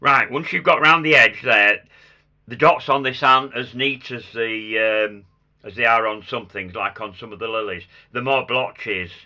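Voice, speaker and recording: A man with a croaky, hoarse voice giving a casual hands-on craft demonstration, muttering small asides to himself as he works. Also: mid-range voice, moderate pace, pushed and bright, highs cut off. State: hoarse after a chest infection. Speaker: craft tutor demonstrating sugar flowers.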